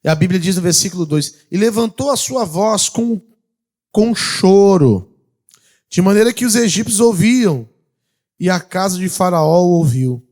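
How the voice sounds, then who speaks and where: This male pastor, speaking with a Brazilian Portuguese accent, has a high-sitting voice, lively intonation and a slightly slow delivery. His sermon questions the congregation and alternates loud calls with quiet passages.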